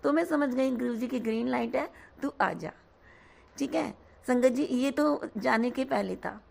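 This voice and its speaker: A hoarse woman giving an earnest devotional testimony, often addressing her listeners directly. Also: sits high, moderate pace, darkish tone. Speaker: devotee sharing a satsang.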